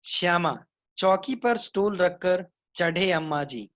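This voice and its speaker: A man's voice: high voice, lively intonation, slow, a bit bright, exaggerated voice. A timid tattling little girl, as a teacher puts her on. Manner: fearful, tattling.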